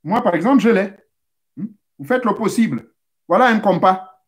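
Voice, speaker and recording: High-voiced man teaching a spiritual rite. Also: lively intonation, normal speed. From Central Africa. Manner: didactic, addresses listeners directly, repeats steps. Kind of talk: instructional talk.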